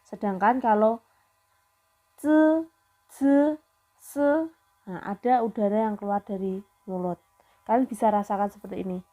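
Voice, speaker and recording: Slow, patient woman teacher. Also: medium pitch, dark tone. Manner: slow, patient, models sounds for students to repeat. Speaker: Mandarin teacher. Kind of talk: online class lesson.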